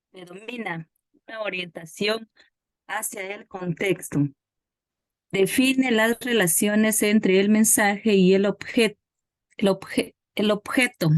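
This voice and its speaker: A woman's voice: medium pitch, takes it slowly, no room sound, studio quality. A woman student reading a text aloud carefully in an online class, stumbling on some words.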